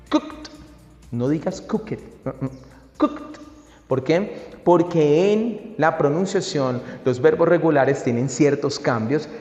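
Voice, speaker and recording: A man teaching an English grammar lesson in Spanish, lively and often checking in with his students. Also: a little high. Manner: animated, repeats checks with students. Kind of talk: classroom grammar explanation. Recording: echoey room with long reverb.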